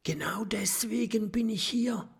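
Professor Champignon: a man playing an anxious, hushed professor, secretive, slow-spoken. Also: mid-range voice, very animated. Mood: fearful whisper. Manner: whispering, secretive. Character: nervous timid male professor, adult.

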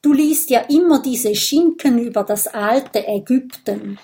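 A sniffly, bossy little porcupine girl from a storybook, as a woman reader puts her on. She sounds pitched up and insistent, nudging her sleepy friends along. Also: expressive, unhurried, mellow. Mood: pushy, teasing. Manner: pushy, sniffly, teasing. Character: snippy porcupine girl with a cold.

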